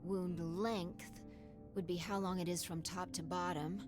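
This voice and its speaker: A woman voicing a calm, composed young female investigator in a video game, speaking precisely and matter-of-factly. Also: on the low side, measured pace, music in the background, natural voice.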